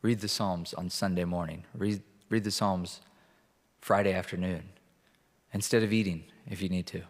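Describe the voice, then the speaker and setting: A man preaching as a pastor and reading scripture aloud, earnest and deliberate, with pauses between phrases. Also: low voice, fairly even intonation. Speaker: pastor leading a church prayer meeting. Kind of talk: sermon with Bible reading. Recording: reverberant hall, long echo.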